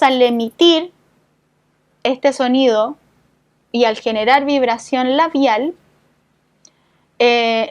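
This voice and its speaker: A middle-aged woman, teaching a voice-care lesson to a community group. Her voice sits high, and she explains step by step, checking in with her students after almost every point. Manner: patient, explanatory, frequent check-ins with the class. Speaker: voice therapy instructor.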